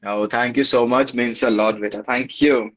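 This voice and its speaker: A man's voice: mid-range voice, steady tone, normal speed, a bit bright. A man with an Indian accent teaching a live online class, greeting schoolchildren by name in an upbeat, encouraging, casual way. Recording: dull, lo-fi online class audio.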